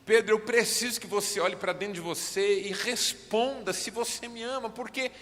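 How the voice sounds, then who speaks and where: Jesus, a pastor voicing him high and pleading. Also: male voice, moderate pace, a bit bright, in a large hall. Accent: Brazilian Portuguese. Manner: impassioned, pleading. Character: Jesus, a pleading male teacher.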